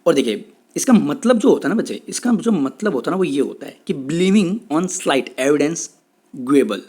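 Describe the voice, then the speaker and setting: A man with an Indian English accent teaching exam vocabulary in a Hindi-English lecture, repeating himself often and saying English definitions slowly. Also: fairly high pitch, big pitch swings, a little mellow. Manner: repetitive, checks in with "theek hai", says English definitions slowly.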